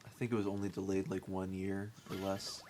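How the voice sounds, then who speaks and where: A man's voice: low-pitched, monotone, fairly quick, background noise. A young man co-hosting a game stream, answering in a casual, hesitant way and trailing off. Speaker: co-host. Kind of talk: casual gaming chat.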